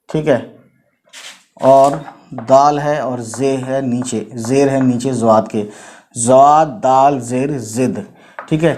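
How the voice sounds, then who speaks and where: A man teaching as a language tutor, talking casually, slowly sounding out letters and often adding little tag questions to check on his students. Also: mid-range voice, a little mellow. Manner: slow, repeats letters and sounds out spellings; frequent "theek hai" and "hai na" tags.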